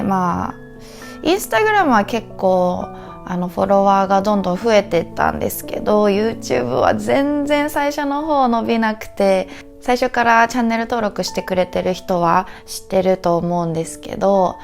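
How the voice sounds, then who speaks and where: A Japanese woman with a Japanese accent and a cute, high, anime-like voice, talking earnestly and gratefully to camera as a teacher. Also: gravelly, a little mellow. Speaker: Japanese teacher and video creator. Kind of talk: heartfelt talk to camera.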